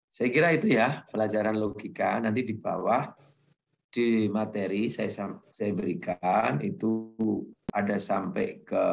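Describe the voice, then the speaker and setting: Gravelly male lecturer, chatty stories in class, dull online audio. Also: lowish voice. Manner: relaxed, tells anecdotes, acts out dialogue. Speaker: university lecturer.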